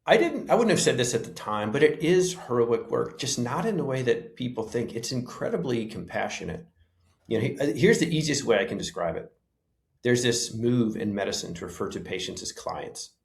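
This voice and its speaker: A man's voice: mid-range voice, animated, brisk, gravelly. A man, a former paramedic, thoughtfully telling stories from his career in an interview, often restarting with "you know". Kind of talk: reflective storytelling in an interview. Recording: roomy echo.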